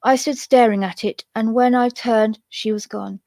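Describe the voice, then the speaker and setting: A woman storyteller narrating a ghost story in a steady reading voice, with occasional self-mocking asides. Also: fairly high pitch, normal speed, creaky, no room sound.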